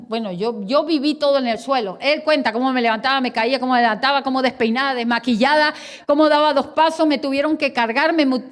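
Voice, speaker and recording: A woman in her forties, a pastor with a Spanish accent, preaching a sermon and telling a personal testimony in an animated storytelling way, swinging between hushed and emphatic. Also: sits high. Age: 40s.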